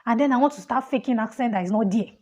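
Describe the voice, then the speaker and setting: A young woman with a Nigerian accent, a fast talker who laughs often as she speaks casually to camera about being a student. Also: a little high, a little mellow, lo-fi sound. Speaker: vlogger, international student.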